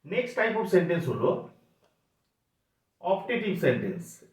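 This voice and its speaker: A man's voice: high voice, very animated, moderate pace. A man teaching a grammar lesson for exam preparation, explaining step by step and asking his students questions that he then answers himself. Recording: echoey, dull lo-fi recording.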